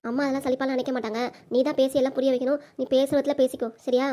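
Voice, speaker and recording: A woman's voice: high-pitched, level tone, very fast, mellow, close to an everyday voice. A woman voicing a kind middle-aged mother-in-law with a southern Tamil accent, coaxing and persuasive. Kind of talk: cartoon voice acting.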